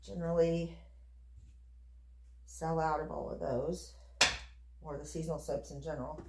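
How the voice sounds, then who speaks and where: A woman with a fairly low voice talks casually through a hands-on craft demonstration. Her delivery is unhurried and chatty, partly as if murmuring to herself. The room adds a clear echo around her words. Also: level tone, heavy background noise. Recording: echoey room.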